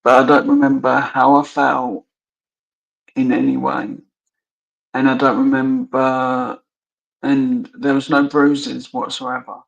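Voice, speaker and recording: Slow, gravelly-voiced man in casual chat. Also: medium pitch. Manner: halting, quiet, with short murmured replies. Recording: dull lo-fi stream audio.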